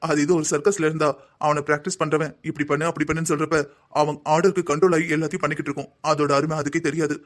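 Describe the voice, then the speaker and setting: Soothing cartoon husband, voiced by a man, slightly raised pitch, calm. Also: very fast, close to an everyday voice. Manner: calm, reasoning. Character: young husband and son, patient and soothing. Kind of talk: Tamil cartoon drama voicing.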